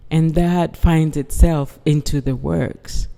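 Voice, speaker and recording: A reflective guest artist from the UK speaks slowly and thoughtfully, weighing each phrase. The tone is mellow and dark. The voice carries a long, hall-like reverb. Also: mid-range voice, fairly even intonation, vocal fry. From United Kingdom. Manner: slow, measured, reflective. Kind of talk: interview conversation.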